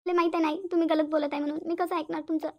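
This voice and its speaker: Brief: whiny lovesick cartoon teen girl, voiced by a woman, high and quick. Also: level tone, a little mellow. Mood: defiant. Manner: pleading, repetitive whining. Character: lovesick teenage girl, stubborn and tearful. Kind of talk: cartoon voice acting.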